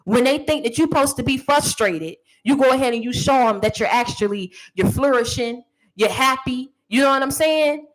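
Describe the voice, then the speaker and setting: A woman's voice: high voice, moderate pace, poor audio. A woman giving a motivational monologue to camera, sassy and preachy, talking straight at her critics. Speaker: motivational speaker.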